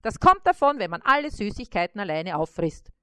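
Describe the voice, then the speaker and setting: A woman's voice: mid-range voice, very animated, brisk, fairly bright tone, clear, resonant tone, dry recording, studio quality. A woman voicing a small, cheeky male critter who is smug and boastful in a children's story. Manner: smug and teasing.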